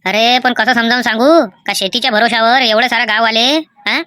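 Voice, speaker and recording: A performer voicing a fussy middle-aged village farmer with a Vidarbha Marathi accent, lecturing and bossing people around in a cartoon comedy. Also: female voice, fairly high pitch, steady tone, moderate pace, no room sound, clean studio sound. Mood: complaining. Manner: lecturing, fussy, shouts orders.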